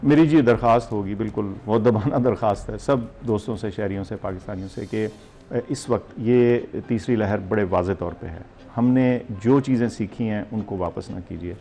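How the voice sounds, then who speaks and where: A man with a Pakistani accent answering interview questions as a health official, in a measured, polite, explanatory way. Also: lowish voice, mellow.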